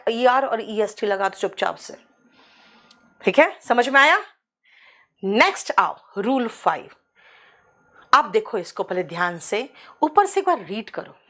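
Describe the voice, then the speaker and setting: A woman teacher giving an online exam-prep lecture at an unhurried pace. Her somewhat high voice swoops up and down as she stretches each word out syllable by syllable, warmly addressing her students as "beta". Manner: drawn-out, syllable-by-syllable drilling of words; calls students "beta" affectionately. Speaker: English teacher.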